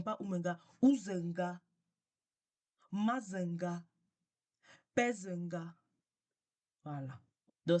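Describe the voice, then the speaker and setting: Slow, patient woman teaching a language. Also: lowish voice, darkish tone. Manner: slow, patient, repeats words for learners; switches between French and English. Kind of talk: casual language lesson.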